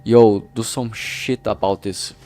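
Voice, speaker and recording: Here the same kind of lowish, heavily creaky male voice sounds warm, with fairly even intonation, as a streamer and amateur game writer chats casually with his audience. He rambles and halts, searching for words, frequently losing his thread and swearing casually. A filtered streaming microphone picks him up over background music.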